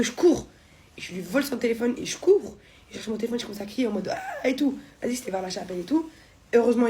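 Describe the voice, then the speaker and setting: Fast-talking young woman telling a heated story. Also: mid-range voice, a little mellow, a little hiss or hum. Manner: fast, heated, acts out both sides of a quarrel. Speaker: content creator telling a story. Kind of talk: casual storytime to camera.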